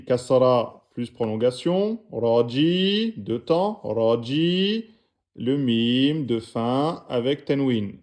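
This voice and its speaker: Speaking with a medium-pitched, slightly mellow voice, a man patiently corrects written exercises while teaching the Arabic alphabet to French speakers, saying each letter and vowel out loud.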